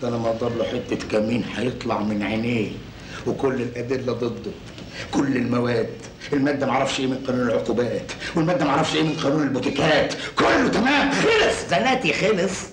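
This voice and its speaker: In an old film, an actor with an Egyptian Arabic accent plays a scheming, smooth-talking con man who is boastful, cocky, and teasing. His voice is medium-pitched, fairly even, rapid-fire, and close to everyday speech. The soundtrack is echoey, with hiss.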